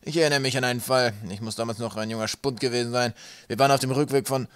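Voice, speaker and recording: A man's voice: medium pitch, fairly even intonation, fast talker, clear, resonant tone, no echo, lightly acted. A man voicing a talkative older male sky pirate, eager and rambling.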